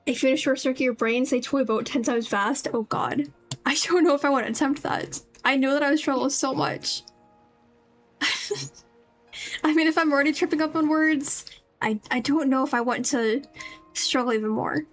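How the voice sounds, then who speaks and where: Her voice sits high and her speed is normal as she plays a video game on stream, chatting and rambling casually to her audience. Game music plays in the background.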